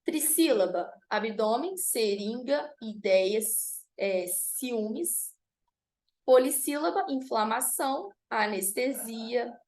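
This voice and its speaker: A woman's voice: a little high, animated, darkish tone. A woman teaching an online grammar lesson, spelling out rules and reading example words one by one. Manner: slow, deliberate dictation of rules and example words.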